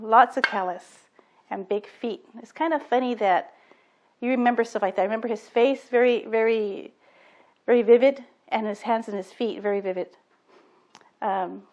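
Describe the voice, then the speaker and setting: A woman shares a personal testimony, earnest and halting as she tells her memories. Her voice sits a little high. The sound is dull and lo-fi. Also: darkish tone. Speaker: speaker remembering her late father.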